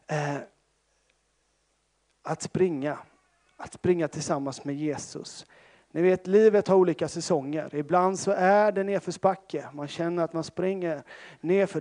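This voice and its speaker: High-voiced Swedish pastor preaching. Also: male voice, darkish tone. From Sävsjö, Småland, Sweden. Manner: storytelling with self-deprecating humor, many fillers. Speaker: pentecostal pastor. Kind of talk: sermon.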